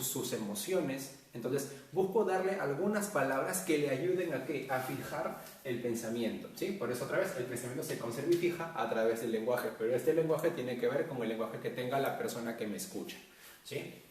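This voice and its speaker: A man's voice: medium pitch, moderate pace, a little mellow, slight background noise. Man, schoolteacher, chatty explainer full of fillers, recorded distant and echoey. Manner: explains with many fillers and tag questions. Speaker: teacher. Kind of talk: virtual class lecture. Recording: roomy echo, voice from off-mic.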